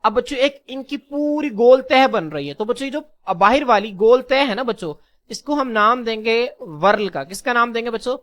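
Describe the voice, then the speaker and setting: A man teaching a class lesson, calling his listeners children, posing questions and answering them himself, and slowly repeating key terms. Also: extremely high pitch, lively intonation, fairly bright tone. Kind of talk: classroom lecture.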